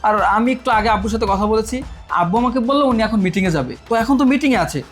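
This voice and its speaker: A man's voice: high-pitched, animated, rapid-fire, soft background music. An actor playing an evasive young husband in a TV family drama, placating and pleading with his wife. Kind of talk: Bangla TV drama acting.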